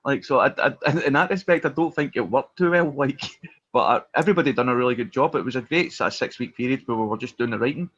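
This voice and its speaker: A man's voice: medium pitch, fast talker, a bit bright, lo-fi sound. A male stand-up comedian chatting casually in a hesitant, rambling, self-deprecating way. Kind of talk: casual chat.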